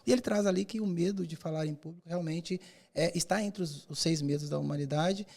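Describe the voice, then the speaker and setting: A man's voice: on the high side, fairly quick, creaky, darkish tone. A man who mentors public speaking, answering in a podcast interview with emphatic, rhetorical delivery and repeated words for effect.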